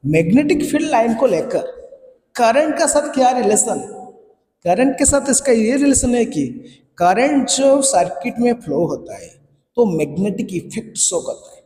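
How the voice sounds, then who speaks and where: A man's voice: sits high, warm tone. A man with an Indian English accent teaching a science class, repeating key points and quizzing students. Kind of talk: classroom lecture in Hinglish. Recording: echoey room with faint ambience.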